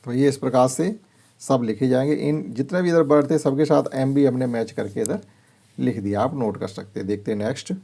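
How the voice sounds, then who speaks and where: Gravelly, dark-voiced teacher. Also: male voice, mid-range voice. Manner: explains English words in Hindi, slow deliberate reading of English sentences. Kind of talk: workbook lesson explanation.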